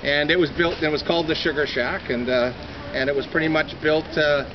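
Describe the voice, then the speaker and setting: A middle-aged man telling a group about his past on an outdoor walking tour, reflective and halting with many fillers. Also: fairly high pitch, fairly even intonation. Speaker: former resident speaking on a walking tour. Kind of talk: casual outdoor storytelling to a group. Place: outdoors in a rainy housing courtyard. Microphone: smartphone camera at a short distance. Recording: dull phone-camera audio with outdoor noise.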